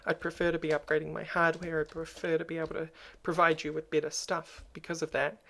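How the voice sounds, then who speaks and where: Speaking directly to camera for a personal vlog, a YouTuber uses a crackly voice with vocal fry. Little rise and fall marks the flat, low-key delivery, which sounds subdued and hesitant with frequent ums.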